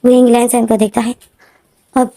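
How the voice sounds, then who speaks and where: Woman storyteller, casual fan-fiction retelling; mellow tone, a bit high. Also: normal speed. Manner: steady, repetitive storytelling with frequent linking words.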